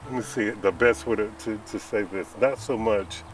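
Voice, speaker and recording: Low-voiced male interview host. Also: normal speed, far from the mic, a little hiss or hum, low-quality recording. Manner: warm, encouraging, many "mm-hmm" and laughs. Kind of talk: casual interview chat.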